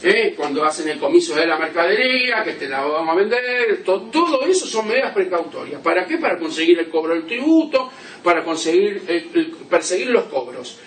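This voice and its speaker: A man's voice: high-pitched, sing-song, a little fast, fairly bright tone, a little hiss or hum. A male law lecturer, giving a classroom lecture and checking in with "¿sí?" as he explains through examples. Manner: explains with examples, asks "¿sí?" often. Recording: roomy classroom from a distance.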